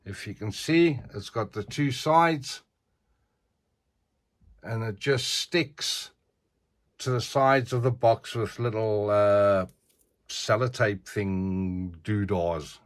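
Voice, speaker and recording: Older man, missing teeth, slow pace, slightly slurred consonants, casual colloquial collector's show-and-tell. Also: on the low side. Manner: rambling, chatty, colloquial. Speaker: figure collector presenting a review.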